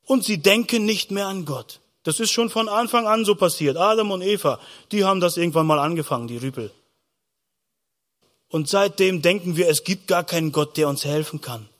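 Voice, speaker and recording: Male pastor, high voice, playful storyteller in a children's service. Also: moderate pace. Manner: animated storytelling, asks the children questions. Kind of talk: children's sermon.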